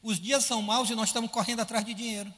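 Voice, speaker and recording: A pastor delivers a sermon in a large hall, his high voice coming rapid-fire. He's animated, firing rhetorical questions at the congregation and acting out the complaints of his listeners.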